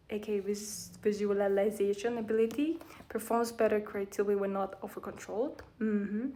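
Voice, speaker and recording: A young adult woman, a native Mongolian speaker with a Mongolian accent, talks in a medium-pitched, slightly mellow voice. She's a vlogger reading aloud casually and commenting as she goes, rambling and correcting herself.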